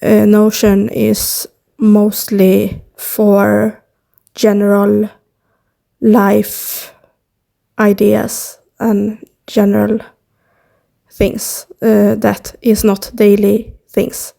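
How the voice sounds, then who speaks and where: A young adult Swedish woman vlogs casually to camera in a Swedish accent, hesitant and using lots of fillers. She speaks very slowly in a monotone, mellow, medium-pitched voice with vocal fry, picked up only by the device's own microphone.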